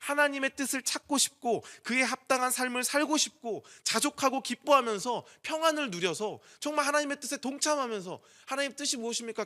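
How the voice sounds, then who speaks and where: Bright, animated young male preacher. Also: high voice. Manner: earnest, rhetorical questions to congregation. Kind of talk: dawn prayer sermon.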